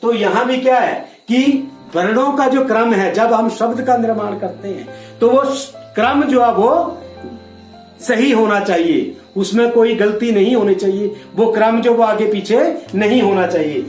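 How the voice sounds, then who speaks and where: A man with a high-pitched voice explains a grammar lesson to schoolchildren, patiently repeating himself and drawing out single sounds. The room rings with echo, and faint music plays underneath. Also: a little slow, darkish tone. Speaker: Hindi teacher.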